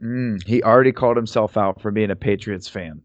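A man's voice: on the low side, brisk, no room sound, highs cut off. A young man co-hosting a sports podcast, bantering and joking in a casual way. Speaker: podcast co-host. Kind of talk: casual chat.

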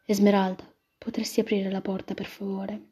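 A woman's voice: mid-range voice, level tone, moderate pace, dark tone, husky, close to an everyday voice. A woman voicing a smitten young male captain, earnest and eager, on a dull lo-fi recording.

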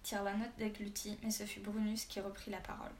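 A woman narrating a novel aloud in a steady, even storytelling manner. Her voice carries a roomy echo over a faint background hiss. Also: medium pitch, a little fast. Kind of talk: audiobook narration.

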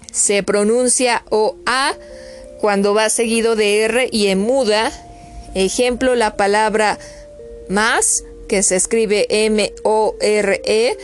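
A woman giving a spoken pronunciation lesson, spelling out letters and repeating each example word several times. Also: medium pitch. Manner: repeats words slowly, spells letters aloud. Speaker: English pronunciation teacher.

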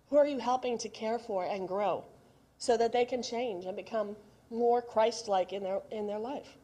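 A woman's voice: fairly high pitch, a little mellow. Woman preaching a casual sermon. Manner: conversational, asks the congregation direct questions. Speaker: pastor.

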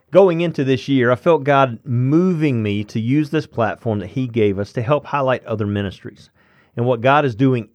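A man hosting a conversational ministry podcast, earnest and friendly, with a relaxed, easygoing delivery. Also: medium pitch, dry recording. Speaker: podcast host.

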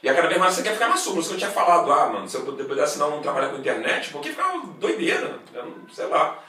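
A Brazilian man in casual chat, animated and swearing freely as he mimics other people. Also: fairly high pitch, very fast. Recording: roomy, distant mic, faint noise.

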